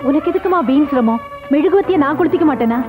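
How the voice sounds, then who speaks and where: A woman's voice: high-pitched, lively intonation, quick pace. An actress playing an older mother-in-law in a film drama, speaking nervously. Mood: uneasy. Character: cruel older mother-in-law, now frightened. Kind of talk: Tamil film acting. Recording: film soundtrack with loud music.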